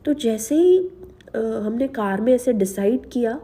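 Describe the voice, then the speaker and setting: Woman host, devotional testimony, slow and earnest, dark husky voice, slight sore throat. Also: on the high side, lively intonation. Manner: slow, earnest, mixes English words into Hindi. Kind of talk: personal testimony to a spiritual audience.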